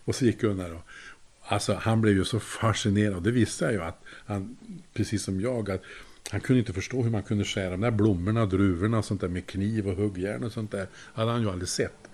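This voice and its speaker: Older man with a low voice for a casual anecdote, chuckling and acting out quoted voices. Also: fairly even intonation, a little mellow. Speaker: storyteller.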